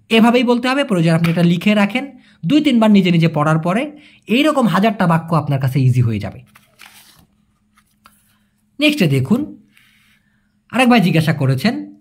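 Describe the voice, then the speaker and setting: A man gives a chatty language lesson. His voice is husky and his pitch swings in a lively way. He jokes in asides between the examples. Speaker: language teacher. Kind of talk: casual video lesson.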